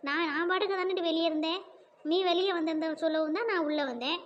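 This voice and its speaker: A woman voicing a defiant, sharp-tongued younger sister in a cartoon. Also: very high voice, quick pace, lo-fi sound. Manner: mocking, defiant. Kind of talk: cartoon voice acting.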